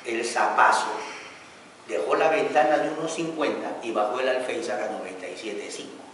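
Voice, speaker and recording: A man's voice: mid-range voice, normal speed. A man teaching building supervision and telling a work story, acting out a quarrel between an architect and an engineer. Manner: animated storyteller, acts out quarrels. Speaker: construction instructor. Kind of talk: lecture with anecdote. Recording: echoey hall from far off, faint noise.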